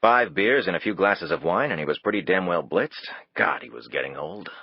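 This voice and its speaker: Deep husky guy narrating an audiobook, steady and measured, dry dull lo-fi sound. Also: dry recording. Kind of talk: scripted narration.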